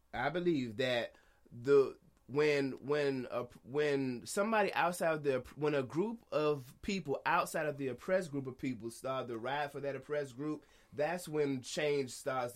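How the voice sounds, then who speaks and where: A man co-hosting a casual discussion podcast, arguing his point in an animated, emphatic way, restarting his sentences and using slang. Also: mid-range voice. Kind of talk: casual debate chat.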